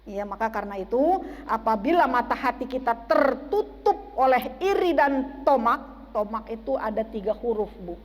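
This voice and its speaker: A woman's voice: on the high side, animated, moderate pace, long reverb tail. A woman preaching a sermon to a women's study group, often asking the audience questions. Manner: asks the audience questions and waits for replies. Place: mosque.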